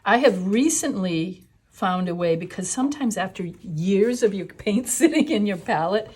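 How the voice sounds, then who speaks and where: A woman's voice: medium pitch, expressive, moderate pace, darkish tone, slightly rough. A woman teaching a watercolor class, talking through each step as she paints. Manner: chatty, explains steps while painting. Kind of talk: live class demonstration.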